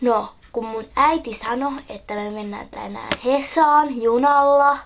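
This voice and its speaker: A woman's voice: a little high, a little hiss or hum, lightly acted. A woman voicing a sulky, snappish teen girl pet toy in a homemade toy video.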